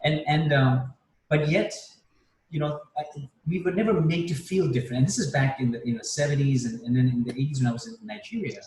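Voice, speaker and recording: A man's voice: on the high side, expressive, brisk, darkish tone. A man in his fifties from Spain, a panel guest in a casual group video chat, talking reflectively with many restarts and tag questions like "right?". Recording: roomy, distant mic, faint background noise.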